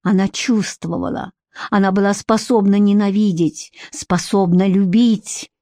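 Woman narrator, expressive storytelling, mid pitch, dry close sound. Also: unhurried, dry recording. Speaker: audiobook narrator. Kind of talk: scripted narration.

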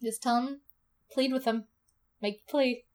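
A chatty woman in casual podcast conversation, enthusiastic and quick to giggle. Her voice sits a little above the usual range. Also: fairly high pitch, fairly even intonation, darkish tone. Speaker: podcast co-host. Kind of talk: casual chat.

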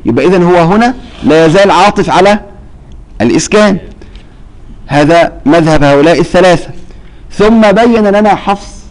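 A man's voice: high voice, expressive, fairly quick, rough recording. A man teaching a Quran recitation lesson, explaining step by step and checking with his students that they follow. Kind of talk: classroom lesson.

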